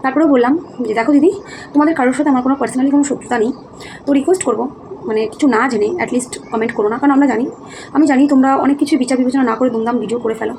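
A woman's voice: high voice, steady tone, very fast, vocal fry. A woman vlogger talking earnestly to her viewers, explaining herself, weary and heavy-hearted. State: feeling low and heavy-hearted. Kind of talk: casual talk to viewers. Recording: noticeable background noise.

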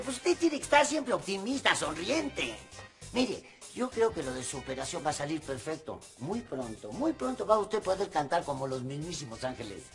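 An actor playing a chatty, cheerful male servant who tells rambling, animated stories. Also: on the high side, vocal fry, heavily acted. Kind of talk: telenovela acting.

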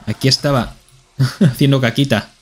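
A man's voice: mid-range voice, steady tone, moderate pace, breathy edge. A man with a Spain Spanish accent streaming live gameplay commentary, playfully talking to himself and to the characters on screen.

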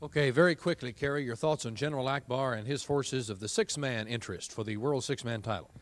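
A man's voice: mid-range voice, brisk, dry recording. A man in his twenties hosting a wrestling promo as broadcast interviewer, holding a handheld microphone. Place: indoors, small locker room.

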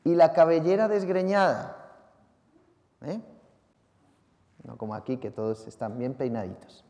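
A priest from Spain, speaking with a Spanish accent in a high-pitched voice, reads the Gospel and preaches a Sunday homily in a large church. He is lively and theatrical, shouting out acted cries and addressing the congregation directly. Long church reverb fills the recording.

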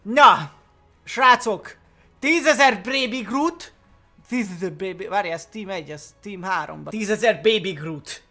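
Young man, very high voice, bright tone, excitable gameplay commentary, laughing exclamations. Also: soft background music. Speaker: gaming YouTuber.

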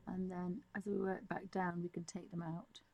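Here the woman's voice is fairly low and darkish, with little pitch change and a moderate pace, as she casually narrates her digital art demo and muses while drawing. A little hiss or hum runs under the recording.

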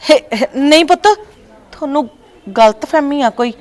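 A woman's voice: high-pitched, moderate pace, close to an everyday voice. A woman playing a scheming middle-aged mother-in-law in a family skit, pleading and tearful. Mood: defensive. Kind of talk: village family drama skit.

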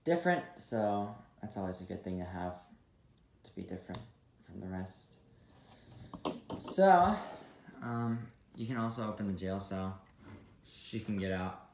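A man's voice: low-pitched, measured pace. A young man casually reviewing a toy set at a table, talking loosely with lots of fillers. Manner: relaxed, many fillers and trailing asides. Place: room at a table with toys. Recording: echoey room with clear background noise.

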